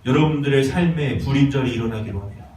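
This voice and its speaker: A male pastor giving a sermon, swinging between loud exhortation and quiet pleading. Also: medium pitch, quick pace, a little hiss or hum. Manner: impassioned, swings from shouting to hushed pleading. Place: church sanctuary. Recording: echoey church from far off.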